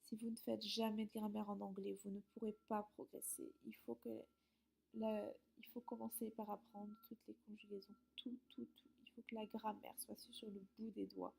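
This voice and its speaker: A woman's voice: mid-range voice, level tone, moderate pace, creaky, darkish tone, husky. A woman English teacher giving friendly, explanatory study tips to her students, with some hesitations.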